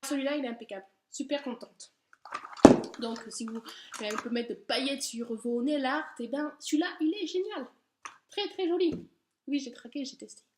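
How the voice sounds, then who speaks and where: A woman with a high voice talks casually and gushes with enthusiasm as she presents her haul. The sound is echoey and roomy. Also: moderate pace, very noisy. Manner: enthusiastic, gushing, chatty with fillers. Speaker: beauty vlogger. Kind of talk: casual product haul chat.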